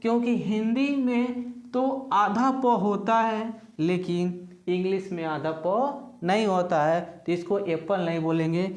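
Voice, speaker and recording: Woman teacher, mid-pitched, drills pupils with repeated questions, roomy echo. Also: a little slow, a little mellow. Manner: repetitive question-and-answer drilling. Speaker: English teacher. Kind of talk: classroom lesson.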